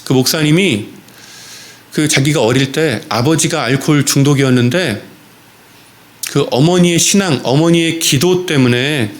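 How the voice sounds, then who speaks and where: A man's voice: fairly high pitch, measured pace. A male pastor preaching a sermon in a church, telling a story with repeated phrases and a few fillers.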